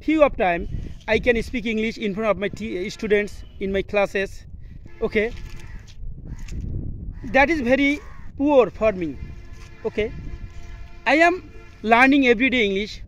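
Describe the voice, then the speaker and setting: A Bengali-speaking man from Bangladesh teaches slowly in a high-pitched, fairly bright voice, talking to camera as an English teacher and video host in an instructional vlog. Filmed at an open scenic outdoor spot, his halting, simple learner's English comes in short broken phrases over a rough recording with outdoor noise and faint birds calling.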